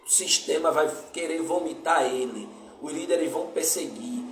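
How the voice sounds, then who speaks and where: A man's voice: fairly high pitch, normal speed, a little hiss or hum. A man preaching a sermon, speaking emphatically and calling his listeners brothers. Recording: echoey room, distant mic, faint ambience.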